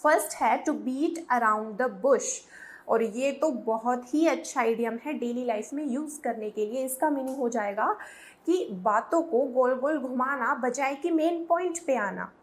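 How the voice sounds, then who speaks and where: A woman's voice: sits high, a little slow. A woman teaching English idioms to Hindi speakers, mixing Hindi and English and patiently spelling words out letter by letter. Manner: switches between Hindi and English. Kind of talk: Hindi-English language lesson.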